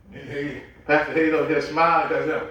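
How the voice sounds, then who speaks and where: A man with a Southern US accent preaching a sermon with call-and-response, slowing down and shouting for emphasis. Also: on the high side, dull audio, a little hiss or hum. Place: large echoey church sanctuary. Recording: echoey church hall from far off.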